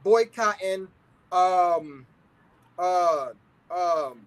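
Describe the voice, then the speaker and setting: A man with a notably high voice hosts a loose livestream talk show, relaxed and conversational. He draws out his words, uses laid-back slang, and keeps checking in with listeners by repeating "you feel what I'm saying."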